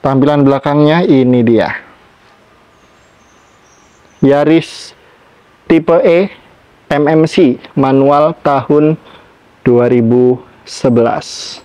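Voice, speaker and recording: A man's voice: medium pitch, slow pace, pauses often, warm tone, clear, resonant tone. A man presenting used cars in a salesmanlike walkaround, talking up each feature. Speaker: used car seller presenting stock.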